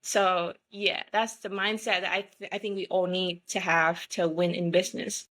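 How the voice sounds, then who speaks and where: A woman's voice: fairly low pitch, level tone, normal speed, a bit bright. A woman from Vietnam talking as a guest on a podcast, chatty and full of fillers, acting out the people she quotes. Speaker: podcast guest, startup founder. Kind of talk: casual podcast conversation.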